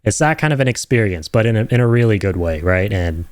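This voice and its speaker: A young man with a lowish, animated voice talks fast while casually hosting reactions to game trailers. He's enthusiastic and rambling, filling his speech with fillers and "right?" tag questions.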